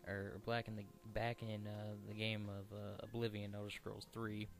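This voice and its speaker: A man giving casual, rambling let's play commentary, halting and searching for words. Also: lowish voice, completely flat delivery, creaky, soft background music.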